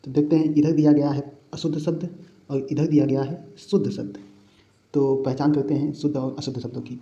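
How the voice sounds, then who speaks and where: A man's voice: fairly high pitch, level tone, brisk, dark tone, lo-fi sound. A male teacher giving a Hindi spelling lesson for exam prep, who repeats each word and keeps asking his students rhetorical questions. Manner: repeats words and asks the class rhetorical questions.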